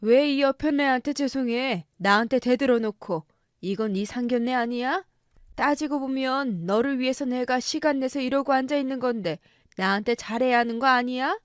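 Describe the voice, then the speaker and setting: A woman's voice: sits high, normal speed, clear, resonant tone, no echo, studio quality, lightly acted. A woman voicing a drunk, violent middle-aged husband who talks harshly and scornfully in a story radio drama.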